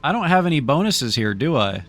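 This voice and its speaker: A man's voice: a little high, sing-song, brisk, a bit bright, faint music behind. A man streaming a game, giving casual, playful commentary and theatrically deliberating with his chat. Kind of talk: casual live gameplay commentary.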